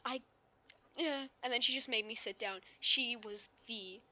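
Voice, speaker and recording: A young woman co-hosting a podcast, chatting casually, giggly and quick to exclaim. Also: a little high, sharp tone. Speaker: podcast co-host. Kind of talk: casual chat. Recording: dull lo-fi mic.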